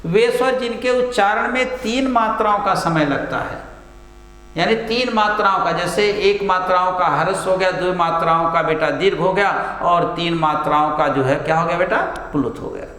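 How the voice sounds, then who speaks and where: A man's voice: high voice, moderate pace, pushed and bright. A male teacher giving a classroom grammar lesson, calling the students "beta" and asking and answering his own questions. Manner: stretches vowels long to demonstrate. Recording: echoey room with mains hum.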